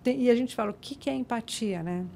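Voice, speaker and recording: Expressive woman psychologist explaining. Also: fairly high pitch, fast talker, creaky, a little hiss or hum. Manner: lively, explanatory, leans on rhetorical questions. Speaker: psychologist guest. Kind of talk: conversational podcast interview.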